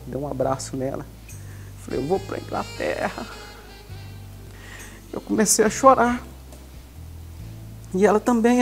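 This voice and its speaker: A man's voice: a little high, darkish tone. A man giving an emotional personal testimony as a church guest, earnestly reenacting his prayers aloud.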